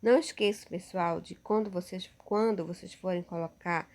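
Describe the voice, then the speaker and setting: A woman's voice: lowish voice, steady tone, normal speed, darkish tone. A woman teacher with a Brazilian Portuguese accent giving a recorded lesson over slides, patient and checking in with her pupils often.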